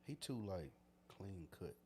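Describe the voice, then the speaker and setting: A man's voice: sits low, big pitch swings, measured pace, warm tone. Joking man over faint hum. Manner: joking, slangy, laughs often. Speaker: podcast co-host. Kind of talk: casual chat.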